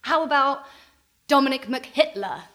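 A woman's voice: high-pitched, expressive, unhurried, noisy background. A woman playing a sardonic action heroine. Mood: teasing. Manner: teasing, sardonic. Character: wry adult female action heroine. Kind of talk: comedy audio drama.

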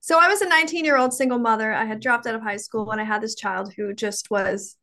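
A middle-aged woman with a raspy, hoarse voice from a cold, hosting a podcast and chatting in a rambling way. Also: a little high, quick pace, sharp tone. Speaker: podcast host and psychiatry professional. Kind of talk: podcast intro and interview chat.

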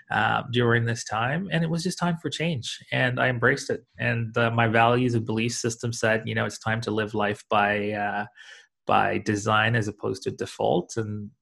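A man's voice: medium pitch, fairly even intonation, moderate pace, creaky, a bit bright. A man from Tanzania talking about his career as an interview guest, reflective and full of fillers and restarts. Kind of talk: casual interview talk.

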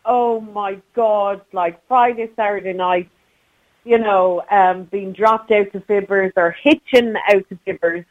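A woman's voice: mid-range voice, fairly even intonation, a little slow, darkish tone. A middle-aged woman with a west of Ireland accent, chatting casually and colloquially as she reminisces on a radio call-in. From County Clare, west of Ireland. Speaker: radio show caller. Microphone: phone call to a radio show. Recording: dull, muffled call-in line.

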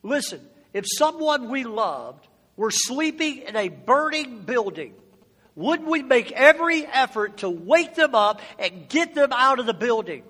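A man's voice: extremely high pitch, very animated, a little slow, bright, forceful tone, breathy edge. A man preaching a sermon to a congregation in a passionate, emphatic, exhorting way, with rhetorical questions and repetition. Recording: echoey hall with long reverb.

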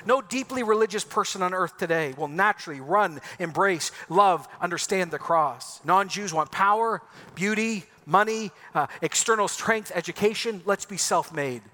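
A man's voice: high-pitched, normal speed, pushed and bright. A man who grew up in Ecuador, preaching an Easter sermon in an emphatic, rhetorical way. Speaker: pastor.

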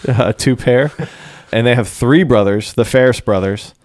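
A man's voice: mid-range voice, moderate pace, a little mellow, dry recording, clean studio sound. A man co-hosting a casual music podcast, joking and laughing often as he talks. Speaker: podcast co-host.

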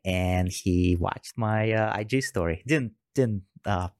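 A man's voice: lowish voice, slow, smooth, dry recording, studio quality. A man in a casual podcast conversation, speaking earnestly and repeating his key words for emphasis. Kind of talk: casual chat.

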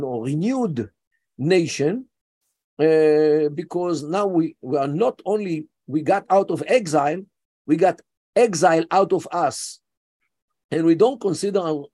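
In an interview conversation, a guest scholar in his seventies speaks with an Israeli accent. His voice is somewhat high and mellow, and he hesitates with many fillers yet speaks emphatically.

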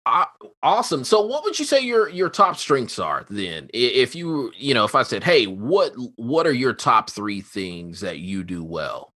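A man's voice: medium pitch, a little slow. A man interviewing a guest in a casual, playful way, acting out his own reactions as quotes. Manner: playful, animated, acts out quotes.

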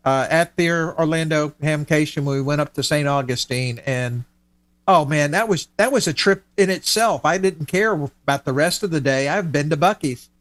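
A chatty man in a casual group chat, quick to agree and add jokes. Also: fairly high pitch, a bit bright.

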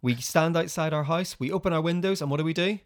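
A man's voice: fairly high pitch, quick pace. A man co-hosting a family podcast, cheerfully reading out listener messages and jokes. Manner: upbeat, reads out listener messages. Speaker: podcast co-host.

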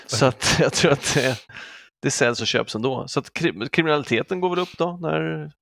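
A man's voice: on the high side, gravelly, no echo, studio quality. A man in his forties telling stories in a casual podcast chat, acting out quotes as he goes. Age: 40s. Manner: animated storytelling with acted quotes. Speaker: podcast co-host.

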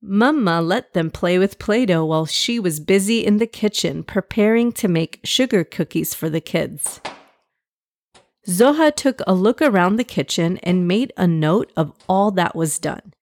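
A woman hosting and narrating for children in an expressive fireside storytelling style, speaking straight to young listeners. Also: lowish voice, measured pace, no room sound, studio quality.

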